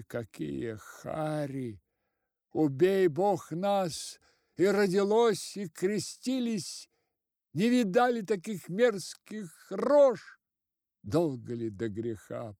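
A man voicing frightened village constables who babble excitedly in a storybook reading. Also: a little high, normal speed, creaky, dry recording, clean studio sound, pitched above the performer's own voice.

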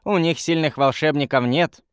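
A man voicing a young girl sorceress who speaks softly and thoughtfully, tired but determined. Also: on the high side, normal speed, clean tone, dry recording, studio quality, close to an everyday voice.

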